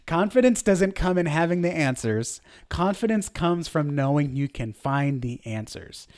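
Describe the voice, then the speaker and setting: A man talks through a lesson for church media teams in a loose, chatty way, poking fun at himself as he goes. He acts out panicked and calm example voices to make his point. His voice sits a little high for a man. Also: a little slow. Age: adult. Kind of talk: casual teaching talk to camera.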